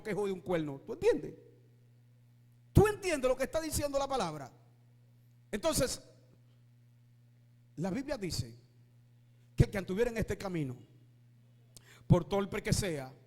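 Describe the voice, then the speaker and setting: A male pastor preaching with fervor, shouting at his peaks and asking his listeners rhetorical questions. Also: very high voice, in a large hall. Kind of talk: preaching sermon.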